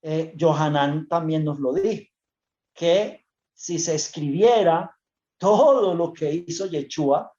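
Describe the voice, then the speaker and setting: A Bible study teacher giving an unscripted lesson to a congregation, talking in a halting way with frequent hesitations and restarts. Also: mid-range voice, dark tone. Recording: dull lo-fi recording.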